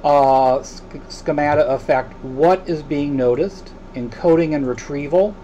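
A man delivers a recorded lecture in a slightly high, soft and mellow voice. He talks in a loose, unscripted way, pausing often with filler sounds as he works through each point. There is a faint hiss behind him. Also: muffled recording. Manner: hesitant, many filler sounds.

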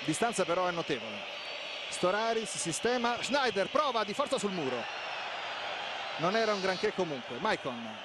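A man giving urgent, excited football play-by-play commentary in clipped phrases, calling out players as the action unfolds. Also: sits high, normal speed. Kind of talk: Italian football commentary, rising to excited goal calls. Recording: loud stadium crowd noise behind voice. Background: stadium crowd noise.

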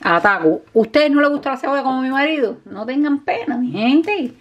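A woman with a Cuban Spanish accent, chatting warmly to her viewers while cooking in her home kitchen, calling them "mi gente". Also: high voice, animated, fairly quick, lo-fi sound. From Cuba. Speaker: cooking vlogger. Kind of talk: casual cooking vlog talk to viewers. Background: dishes, pots and pans clattering.

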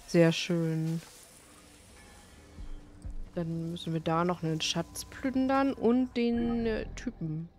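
A woman's voice: fairly low pitch, fairly even intonation, takes it slowly, pauses often, darkish tone. A woman streamer giving casual, playful and chatty commentary while she plays a video game. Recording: faint game music behind. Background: faint music from the game.

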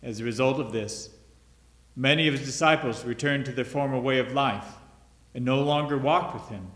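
A priest reading the Gospel aloud at Mass in a measured, formal way, his voice carrying a cathedral echo in a large church. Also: mid-range voice, a bit bright.

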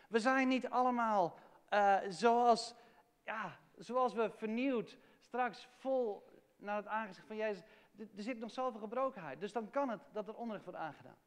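A man preaching a sermon in a church, talking earnestly and candidly about his own life, often restarting his phrases. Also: sits high. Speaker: pastor. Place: church hall. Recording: long reverb of a church hall.

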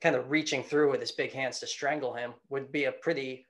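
A man's voice: medium pitch, steady tone, a little fast, a bit bright. A man co-hosting a podcast, talking about old films in a thoughtful, wandering way. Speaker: podcast co-host. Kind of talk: casual film discussion.

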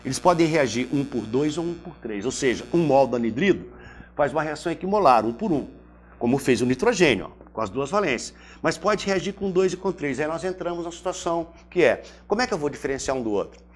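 A man's voice: on the high side, lively intonation, a little fast. A Brazilian man teaching chemistry in a chatty classroom lecture. He asks himself questions by name and repeats each step aloud. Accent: Brazilian Portuguese. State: throat briefly irritated.

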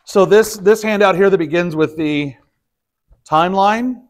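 A man with a high voice and measured pace serves as pastor at an informal Bible study in a church study room. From Texas, he explains in a chatty style, restarting often and leaning on fillers.

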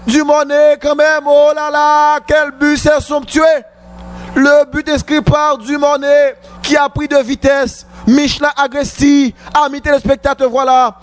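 A man with a Haitian accent giving excited live football commentary on television, exclaiming and repeating himself. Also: extremely high pitch. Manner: exclamatory, repetitive.

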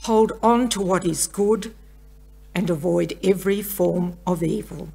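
A woman's voice: fairly low pitch, unhurried, creaky, a little mellow, breathy edge. An older woman reading scripture as a lay reader at a church lectern. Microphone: gooseneck lectern microphone.

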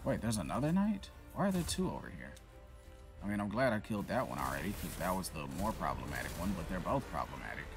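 Talking fast in a low voice with big pitch swings, a gaming channel host taunts the enemies on screen during casual commentary, swearing a lot. His voice competes with loud game music.

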